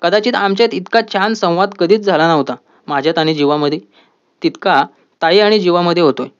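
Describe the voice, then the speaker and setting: A man's voice: high-pitched, brisk, natural voice. A man reading a level-headed young woman. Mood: firm. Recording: dull lo-fi audio.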